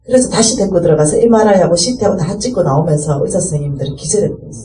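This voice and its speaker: A middle-aged woman tells a church testimony in an animated storytelling manner, acting out the people in it and rising to fervent pleading. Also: fairly low pitch, rapid-fire, echoey room, recorded from a distance, rough recording. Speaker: speaker giving a church testimony.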